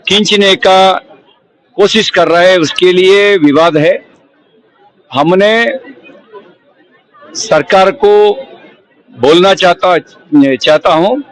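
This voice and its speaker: Man politician talking to press, highish voice, slow, keeps asking rhetorical stuff, faint crowd around. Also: low-quality recording. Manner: halting, repeats phrases, rhetorical questions. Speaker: politician giving a statement to reporters. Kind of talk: press statement.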